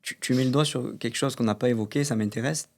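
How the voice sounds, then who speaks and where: A man's voice: medium pitch, quick pace, darkish tone. A man hosting a podcast interview, asking questions and finishing his guest's sentences with short prompts. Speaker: podcast host.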